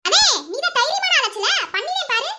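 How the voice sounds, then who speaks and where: A woman voicing a bold, sharp-tongued young village woman in an animated cartoon, scolding in a Madurai Tamil accent. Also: extremely high pitch, heavy background noise. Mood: defiant. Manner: scolding, fast, defiant.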